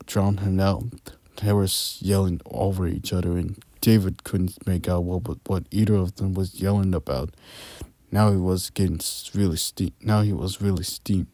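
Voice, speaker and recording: Low, slow man reading a scary story. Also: mellow, dry recording. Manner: stumbling, frequent restarts and asides.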